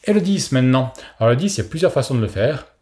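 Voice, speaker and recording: A man's voice: mid-range voice, lively intonation, racing, darkish tone. A man teaching a recorded language lesson, explaining patiently and modeling pronunciations for the listener to repeat.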